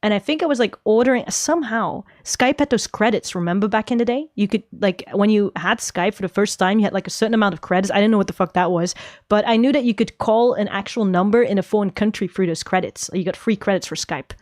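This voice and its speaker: A woman's voice: mid-range voice, quick pace, darkish tone, no echo, clean studio sound. A young adult woman streaming casual chat, rambling, giggling often and swearing freely. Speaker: VTuber streamer.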